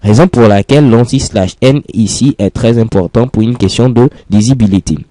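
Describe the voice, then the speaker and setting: Over a screen capture, a man teaches coding in French, patiently breaking it into steps and saying the key phrases more than once. His warm, mid-range voice moves at a moderate pace, with no echo.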